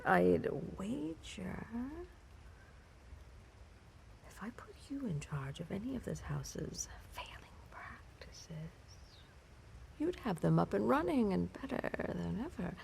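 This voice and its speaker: A woman plays an ancient, imperious vampire mistress in an intimate audio roleplay, predatory and seductively menacing, delivering lines in a theatrical, breathy half-whisper with drawn-out words. Her full character voice is on the low side and mellow, with a little hiss or hum. The mood is seductive and approving.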